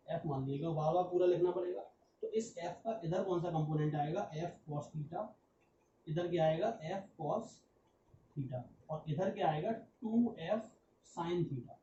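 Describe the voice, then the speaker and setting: A young adult male physics teacher explains a problem step by step, tossing rhetorical questions at his class. His voice sits high but dark and mellow, with on the phrases. The recording is roomy, distant and muffled. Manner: mixes English phrases into Hindi. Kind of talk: exam-prep lecture. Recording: echoey, distant, muffled lo-fi audio with faint background noise.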